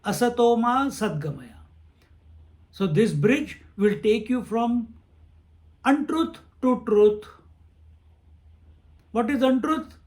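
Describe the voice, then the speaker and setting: A man's voice: very high-pitched, lively intonation, takes it slowly, long pauses, darkish tone. A man giving a spiritual discourse on scripture, repeating phrases and chanting verses. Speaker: swami teaching scripture.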